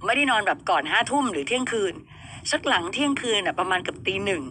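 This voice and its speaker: A woman's voice: medium pitch, sing-song, fast, bright, forceful tone, a little hiss or hum. A woman in her thirties hosting a radio show, chatting casually and throwing rhetorical questions at listeners and her co-host.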